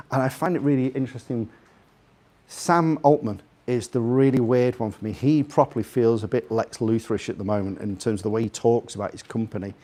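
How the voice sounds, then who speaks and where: A warm, medium-pitched male voice with a slight Scouse (Liverpool) accent belongs to a guest speaker. Live in a room before an audience, he gives an informal talk that's chatty, jokey and rambling, putting questions straight to listeners.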